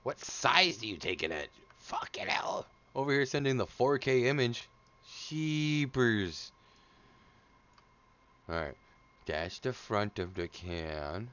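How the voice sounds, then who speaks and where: A man's voice: mid-range voice, big pitch swings, slow pace, fairly bright tone, smooth, lo-fi sound. A man streaming a game live, joking crudely with chat and muttering repeated phrases to himself.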